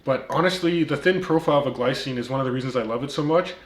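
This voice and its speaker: A man with a slight Turkish accent talks quickly in a mid-range voice, the audio reverberant. As host of a watch-review channel, he uses a casual vlog to rebut critics with wry comebacks, often hesitating with um and uh.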